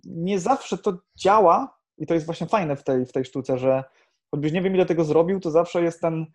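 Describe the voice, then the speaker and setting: A man who teaches improv, talking in a casual podcast chat, animated, swearing now and then and restarting his sentences. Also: on the high side, moderate pace.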